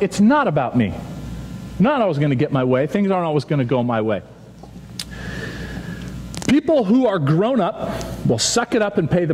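A man in his thirties giving an animated chapel talk to students on a stage, telling stories and acting out quoted voices. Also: a little high. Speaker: youth chapel speaker. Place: large dark auditorium with stage. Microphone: stage microphone, seen from far back. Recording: reverberant hall, faint audience noise.

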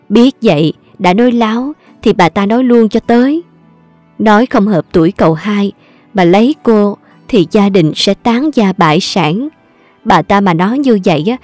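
A woman with a Southern Vietnamese accent narrating a family drama story in a steady, even way. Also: mid-range voice, dry recording.

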